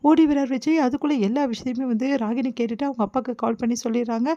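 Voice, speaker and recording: A woman retelling a TV serial episode in a rapid, filler-laden way, slipping into the characters' lines. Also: a little high, steady tone, warm tone, no echo. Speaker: serial recap narrator. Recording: slightly dull, dry recording.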